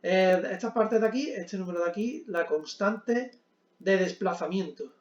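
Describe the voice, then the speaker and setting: A man's voice: sits high, normal speed, roomy sound, lo-fi sound. A man teaching a physics lesson at a board, explaining step by step with frequent check-ins and hesitant fillers.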